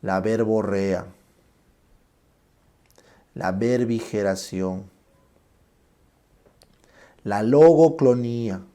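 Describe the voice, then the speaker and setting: Male lecturer, gravelly voice, dark tone, slow explanations, frequent check-in questions. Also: medium pitch. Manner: checks in often with tag questions; explains terms slowly, then shows them aloud. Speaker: medical lecturer. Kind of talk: classroom lecture.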